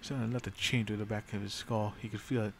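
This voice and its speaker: A man streams a strategy game, narrating a grim in-character story in a brooding, dramatic tone. His voice sits fairly low, and he rambles and swears casually between beats. A faint hum of ambience sits behind him. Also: fairly even intonation, fast talker.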